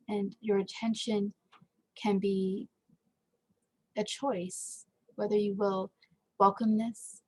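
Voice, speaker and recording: A woman leading a guided meditation in a gentle, unhurried way, with frequent fillers and pauses. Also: medium pitch, breathy edge, poor audio.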